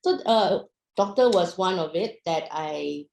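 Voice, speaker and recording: A chatty young woman talks to an online audience, full of fillers and questions. Her voice is low and gravelly with fry. The room around her is echoey. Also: lively intonation, measured pace, darkish tone. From Myanmar, raised in Singapore. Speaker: speaker at an online business talk. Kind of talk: casual presentation to an online audience.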